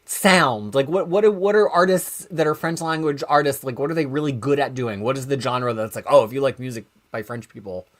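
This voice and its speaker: Male co-host, mid-pitched, casual and conversational, meandering self-interrupting delivery. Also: fairly quick, hardly any pauses, a bit bright. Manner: rambling, self-interrupting, thinking aloud. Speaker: show co-host. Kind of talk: casual chat.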